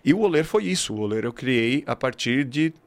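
On a laid-back podcast, a male English teacher lays out his ideas with animated emphasis and lots of casual slang. His pitch is average, his intonation lively, and he talks a little fast.

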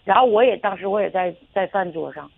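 Calling a radio show by phone, this woman tells a personal story that wanders, with lots of fillers and false starts. Her mid-range voice is husky with vocal fry, quick and animated, and the tinny line carries no room sound.

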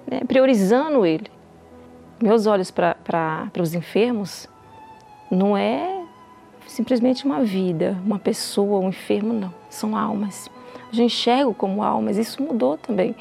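A woman's voice: fairly high pitch, gravelly, warm tone. A woman, a nurse, telling her personal faith testimony in an earnest storytelling way, acting out the lines of the people she quotes.

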